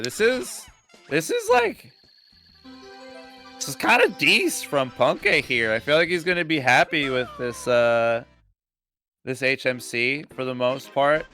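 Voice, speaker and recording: A man's voice: medium pitch, moderate pace, bright, forceful tone, faint music behind. A young man giving casual live speedrun commentary in a laid-back, slangy, rambling way.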